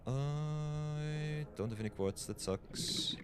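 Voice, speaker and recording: A man's voice: on the high side, slow, background noise. A man from Austria chatting casually while streaming a game, thinking aloud as he plays. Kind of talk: live gameplay commentary.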